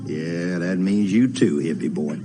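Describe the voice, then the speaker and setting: A man's voice: low voice, measured pace. An actor playing a hostile man who refuses to serve people at his restaurant, speaking in a cold, menacing drawl. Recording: film clip over loud music. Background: loud film music.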